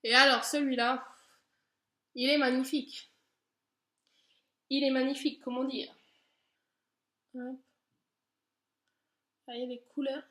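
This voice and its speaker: A woman's voice: high-pitched, level tone, slow, pauses often, fairly bright tone, roomy sound. A woman vlogger chatting enthusiastically and gushingly as she shows off a haul of products. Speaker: beauty vlogger. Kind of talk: casual product haul chat.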